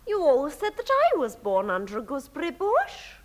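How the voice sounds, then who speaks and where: An actress playing a naive, obedient young society daughter in a Wilde parody stage comedy. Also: female voice, high voice, wildly swooping pitch, moderate pace. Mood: earnest.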